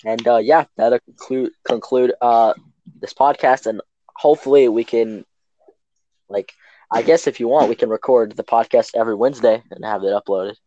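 A man's voice: medium pitch, moderate pace, mellow, no room sound, muffled recording. A teenage boy co-hosting a podcast, telling a long rambling story full of fillers and acted quotes in casual chat. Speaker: podcast co-host.

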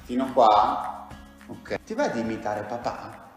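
A woman's voice: rumbling low, unhurried. A woman playfully questioning a child in a mock casting, teasing and encouraging. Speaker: interviewer of children. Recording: very echoey room with faint music.

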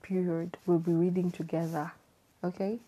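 Woman host, casual address to listeners, hesitant with restarts, low and flat delivery. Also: normal speed, breathy edge, low-quality recording. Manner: hesitant, repeating herself with fillers. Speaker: podcast host.

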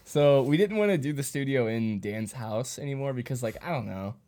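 A young man co-hosting a podcast in casual chat, telling things haltingly with slangy swearing. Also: medium pitch, expressive, dark tone. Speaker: podcast co-host. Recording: clearly noisy, with clicks.

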